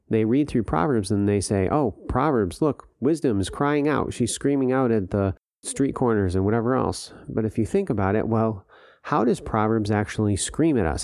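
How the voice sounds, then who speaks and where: Man, low mellow voice, dry close sound, teacherly bible discussion, rhetorical questions. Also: vocal fry, no echo. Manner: teacherly, quotes scripture, asks rhetorical questions. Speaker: podcast co-host.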